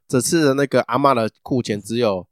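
A man, co-hosting a podcast and telling a long personal anecdote. His voice sits at a middle pitch and sounds close and dry, with no room around it. He keeps breaking into chuckles as he talks. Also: a little fast, no room sound. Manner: chatty storyteller, laughs often while telling. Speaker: podcast co-host. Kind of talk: casual chat.

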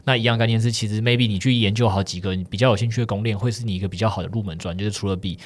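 A man with a Taiwanese Mandarin accent hosting a podcast, explaining in a brisk, teacherly way. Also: on the low side, steady tone. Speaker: podcast host. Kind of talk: casual explanatory chat.

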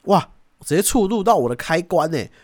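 Young man, Taiwanese Mandarin accent, podcast host, casual storytelling, swearing, very lively pitch, dry close sound. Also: quick pace, no echo. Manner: animated, swears freely, acts out quotes.

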